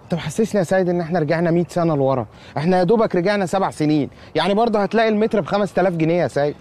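A man's voice: high-pitched, very fast, a little mellow, close to an everyday voice. An actor with an Egyptian accent playing a sarcastic, bossy young man in a comedy series.

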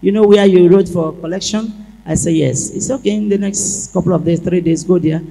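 A woman giving an animated church testimony, acting out the dialogue as she tells it. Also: on the low side, brisk, creaky. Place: large church hall. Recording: echoey church hall.

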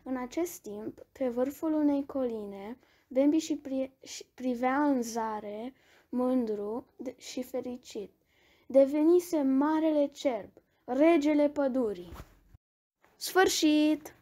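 Gentle woman reading a bedtime story. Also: sits high. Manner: gentle, expressive, with small restarts.

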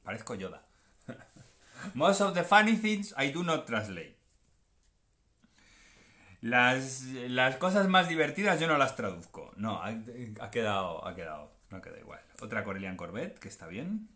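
A man from Spain, speaking with a Spanish accent in a medium-pitched, sing-song voice with a sharp tone and normal speed, hosts a card unboxing channel. His casual commentary switches between Spanish and English, chatty and playful, often joking and poking fun at himself.

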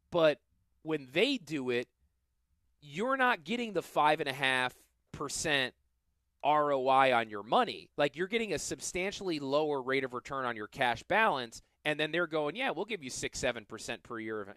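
A middle-aged man with a Southern US accent, a financial planner hosting a radio show, explaining things in a lively, self-deprecating way. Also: fairly high pitch, dry recording. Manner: animated, self-deprecating, quick asides. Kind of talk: casual radio chat and explanation.

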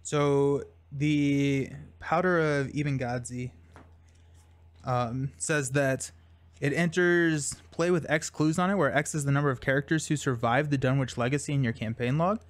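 A man hosting a tabletop card game, reading rules and chatting in a relaxed, slightly hesitant way. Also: medium pitch, a little slow. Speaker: game host and narrator.

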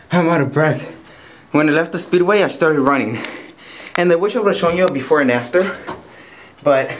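A man's voice: a little high, a little hiss or hum. A teenage boy vlogging casually on a handheld camera, rambling with restarts as he walks home in the rain and then talks at home. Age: teens. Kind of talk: casual daily vlog.

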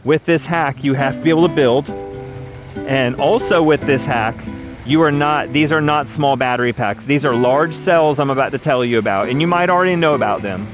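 Man explaining battery builds while riding. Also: mid-range voice. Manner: practical, matter-of-fact, speaking while riding. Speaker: vlogger, electric vehicle builder. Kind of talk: casual explanatory ride-along talk. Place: outdoors on a moving four-wheeler by a river. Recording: dull lo-fi action camera audio with music underneath. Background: background music.

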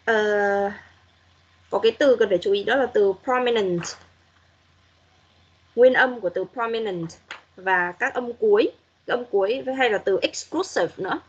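A woman's voice: mid-range voice, normal speed, pauses often, breathy edge, highs cut off. A woman English teacher giving patient, corrective feedback to students in an online class, modeling pronunciation as she goes.

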